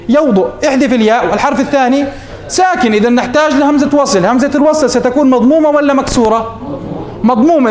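A man's voice: very high-pitched, reverberant. A man teaching morphology, quizzing his students and answering himself. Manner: questions students and answers himself, repeats rules. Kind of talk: classroom lesson.

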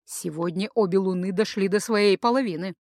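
A woman voicing a deliberate male companion in a fantasy audiobook, weighing each word. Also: medium pitch, a little mellow, no room sound, clean studio sound, lightly acted. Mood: measured.

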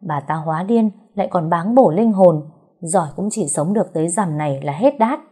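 A woman narrating a dramatic story in a steady, somber way. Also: on the low side, moderate pace, breathy edge.

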